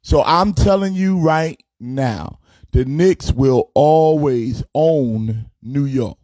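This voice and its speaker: A man in his forties, a pastor hosting a casual sports talk show, animated and trash-talking as he speaks straight to fans and players. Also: on the high side, slow pace, no room sound, clean studio sound. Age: 40s. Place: his home sports studio.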